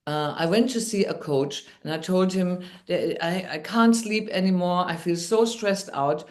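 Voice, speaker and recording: A German-accented woman, a midwife and NLP trainer, appears as a guest in a podcast interview and tells her story upbeatly. Her voice is on the low side and a little slow.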